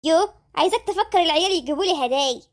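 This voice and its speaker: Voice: very high voice, animated, rapid-fire. A performer voicing a spoiled, demanding Egyptian housewife who talks in a whiny, coaxing way.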